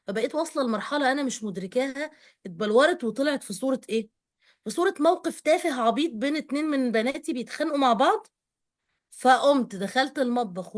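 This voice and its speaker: A middle-aged woman with an Egyptian Arabic accent, sharing a personal story in an animated, conversational way that speaks straight to the listener. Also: fairly high pitch.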